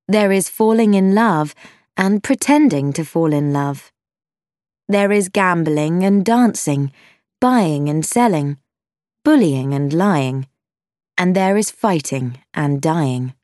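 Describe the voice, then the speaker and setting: Woman narrator, unhurried and clear, expressive rise and fall, dry close sound. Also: mid-range voice, dry recording. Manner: slow, clear, expressive storytelling. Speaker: audiobook narrator. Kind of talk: scripted narration of a simplified classic novel.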